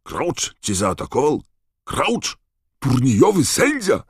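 A man reading aloud, voicing a furious male headmaster who shrieks his accusations in rising pitch. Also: huge pitch swings, takes it slowly, breathy edge, no room sound, studio quality, exaggerated voice. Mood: alarmed.

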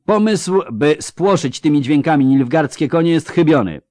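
A man's voice: fairly high pitch, lively intonation, normal speed, a little mellow, dry recording, studio quality, pitched above the performer's own voice, close to an everyday voice. A man voicing a crude, sarcastic army commander who mocks and bellows orders at his foot soldiers in an audiobook. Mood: bellowing. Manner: mocking, coarse, barking orders. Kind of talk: audiobook character voice.

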